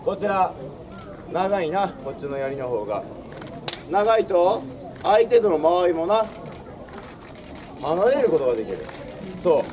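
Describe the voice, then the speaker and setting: A young man with a high-pitched, sing-song voice speaks unhurriedly and pauses often. He projects a theatrical history lesson in old samurai speech, swaggering and declamatory like a storyteller, outdoors by a castle stone wall. The mic is distant, and crowd, birds and traffic are audible.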